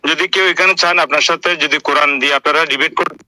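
A man's voice: a little high, steady tone, fast talker, pushed and bright, no echo, low-quality recording. A man joining a live online call as a guest, debating insistently and pressing others with pointed questions. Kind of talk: heated religious debate.

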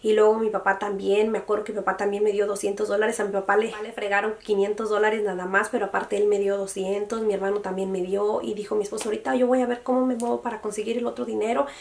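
A woman's voice: mid-range voice, quick pace, gravelly, few pauses. A young woman, telling a personal story in a casual, emotional vlog and acting out what others said. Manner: emotional, animated retelling that quotes other people. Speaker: beauty vlogger. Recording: voice a bit far from the mic.

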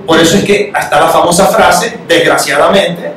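Male spiritual speaker, animated, fairly high voice, distant mic in an echoey hall. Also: moderate pace, a little hiss or hum. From Spanish-speaking country. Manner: animated, acts out quoted voices with sudden rises. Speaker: spiritual talk facilitator. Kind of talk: spiritual talk to a live audience. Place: meeting room. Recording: echoey room, mic far off.

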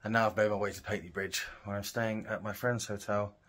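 A man's voice: lowish voice, fairly even intonation, fast talker, fairly bright tone, dry recording. A man, a touring musician, talking casually to a handheld camera while out walking, chatty and self-mocking. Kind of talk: casual travel vlog chat. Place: outdoors on walks and sightseeing.

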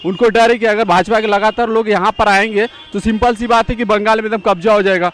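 A man's voice: sits high, fairly even intonation, brisk, a bit bright, slight background noise. A man stopped on a city street, giving an emphatic, repetitive, lecturing opinion to a reporter. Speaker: passerby interviewee. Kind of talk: opinionated street interview answer.

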